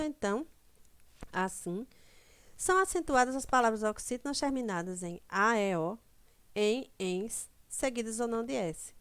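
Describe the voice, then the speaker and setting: Slow, patient woman teaching grammar. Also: on the high side, clear, resonant tone, no room sound. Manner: slow didactic, stretches example words, frequent "certo?" checks. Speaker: Portuguese language teacher. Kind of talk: online grammar lesson.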